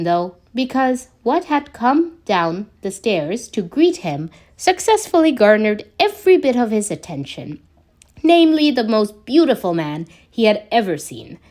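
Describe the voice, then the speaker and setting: A woman narrates podfic, slowly reading a scripted piece of fan fiction aloud as a storyteller. Her voice is a little high, with a darkish tone.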